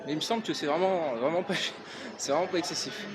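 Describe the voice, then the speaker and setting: A man's voice: fairly high pitch, expressive, quick pace, a crowd in the background. A man from France chatting casually to viewers in a travel vlog, walking through city streets and into a metro station. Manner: chatty, informal, addresses viewers as "les gars". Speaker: travel vlogger. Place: outdoors on busy city streets, later in a quiet metro station. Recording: loud street noise behind. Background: traffic and street noise.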